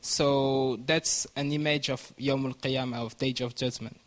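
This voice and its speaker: A man making a calm, measured comment. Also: medium pitch, heavy background noise.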